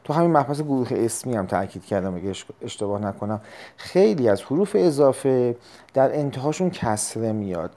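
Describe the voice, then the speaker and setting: A man teaching a recorded test-prep lesson, explaining step by step, repeating key terms and clearing his throat often. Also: medium pitch, dark tone. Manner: frequent throat clearing and hesitations.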